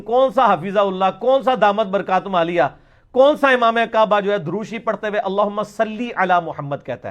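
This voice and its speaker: A man's voice: high voice, dull audio. A man giving an emphatic question-and-answer lecture, repeating words to demonstrate how they are pronounced. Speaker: religious lecturer.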